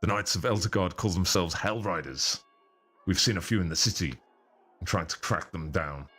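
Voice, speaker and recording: A game master using a voice changer that deepens his voice, playing a stern, commanding male captain of the city guard who gives curt orders. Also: sharp tone, breathy edge, full character voice.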